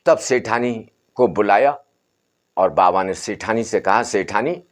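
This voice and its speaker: A man narrating a folk tale in a lively, animated storytelling manner. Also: fairly low pitch, unhurried.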